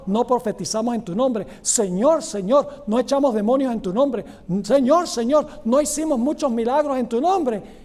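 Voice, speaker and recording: A man preaching a sermon as a pastor, animated, acting out the people in a parable with sudden jumps in pitch.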